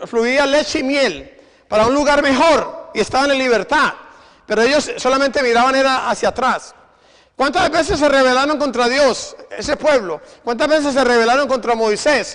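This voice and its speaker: In a hall with long reverb, a preacher whose voice is very high and a bit bright urges his congregation on. He keeps hitting them with rhetorical questions and returns again and again to the word "imagine."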